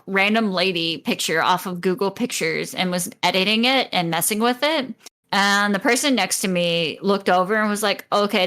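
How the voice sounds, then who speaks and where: A woman's voice: medium pitch, fairly bright tone. A young adult woman co-hosting a podcast, chatting casually and telling stories in a rambling way. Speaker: podcast co-host. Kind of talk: casual chat.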